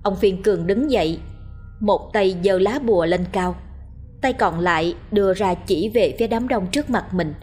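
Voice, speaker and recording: A woman narrating a horror story in a steady, suspenseful reading. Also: mid-range voice, normal speed, soft background music.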